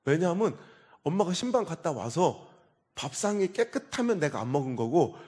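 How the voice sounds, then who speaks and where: A man in his forties, a pastor preaching a revival sermon, telling stories with sudden loud outbursts and quiet asides. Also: on the high side, big pitch swings, normal speed. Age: 40s.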